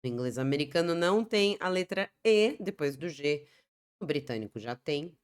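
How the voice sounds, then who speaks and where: Uma mulher, professora de inglês com sotaque brasileiro, dando uma aula explicativa em português e repetindo palavras de exemplo devagar. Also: female voice, low voice, lively intonation. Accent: Brazilian Portuguese. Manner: explanatory, repeats example words slowly. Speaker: English teacher. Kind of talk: Portuguese-language English lesson.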